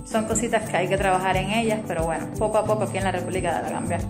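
A woman's voice: medium pitch, very fast. A woman with a Cuban accent vlogging from her hospital department, chatting to viewers and coaxing a crying child. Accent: Cuban Spanish. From Cuba. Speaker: vlogger and ultrasound worker. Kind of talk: casual vlog chat to viewers. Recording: music playing under the voice.

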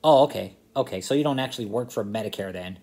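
A scam-baiting vlogger in his thirties talks on a phone call at home, politely and hesitantly, in a lowish, darkish voice at a quick pace. He's recorded close up indoors by a phone or laptop camera in front of him, tossing asides to the camera.

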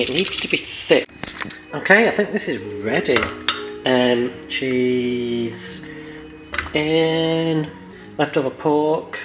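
A tired man in his thirties rambles through a cooking video with plenty of ums, poking fun at himself as he goes. His voice comes off a handheld camera in a home kitchen, with an echoey ring and a slightly dull, muffled tone. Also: medium pitch. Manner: rambling, self-mocking, lots of ums. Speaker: cooking vlogger. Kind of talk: casual vlog chat. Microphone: handheld camera close to face.

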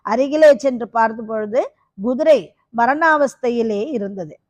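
A woman's voice: fairly high pitch, unhurried, dry recording, lo-fi sound, close to an everyday voice. A woman doing a harsh-voiced fearsome kapalika woman. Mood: dramatic. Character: fearsome female kapalika, once beautiful, half-crazed.

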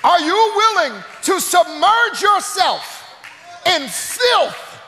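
A man preaching a sermon emphatically, shouting key phrases with animated asides, in a church sanctuary. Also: extremely high pitch, drawn-out words, in a large hall, some chatter behind, a little hiss or hum.

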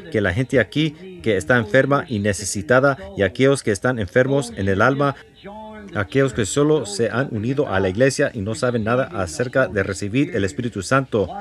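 Fervent male preacher praying and preaching. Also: medium pitch. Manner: fervent, repeats words and asks the congregation questions. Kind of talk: sermon with prayer.

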